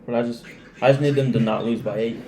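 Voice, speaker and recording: A man co-hosting a casual sports podcast, reading his betting picks in a slow, drawn-out way. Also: mid-range voice, fairly even intonation, a little mellow, echoey room, a little hiss or hum. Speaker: podcast co-host.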